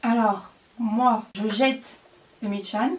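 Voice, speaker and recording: A woman trading playful, teasing remarks in a casual chat. Her voice is fairly high. It carries room echo and sounds set back from the microphone. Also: fairly even intonation, slow. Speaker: host's best friend, guest. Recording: roomy and distant from the mic.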